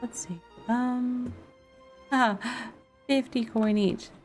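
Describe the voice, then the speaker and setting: A female game streamer muses to herself during casual live gameplay commentary, thinking out loud as she plays. Her voice sits on the high side with a darkish tone, and she talks extremely slowly. Background music and game sound play behind her voice.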